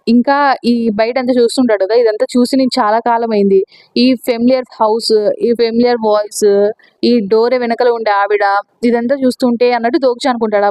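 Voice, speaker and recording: A woman with a Telugu accent narrating a comic recap in a quick, chatty way, mixing in English words and retelling the characters' lines in her own voice. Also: fairly high pitch, darkish tone, no room sound, poor audio. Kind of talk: casual spoken recap narration.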